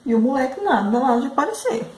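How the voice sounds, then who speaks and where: A woman's voice: sits high, big pitch swings, fast talker. A woman hosting a craft channel who chats through a story while she paints, talking emotionally and often calling out to her viewers. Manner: emotional, exclamatory, addresses viewers as "gente".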